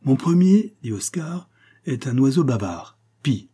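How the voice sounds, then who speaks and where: A man reading aloud and voicing a boastful male gambler who likes to show off. The voice sounds husky and smug. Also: mid-range voice, big pitch swings, a little slow, mellow, voice pushed up, exaggerated voice. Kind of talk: storybook reading.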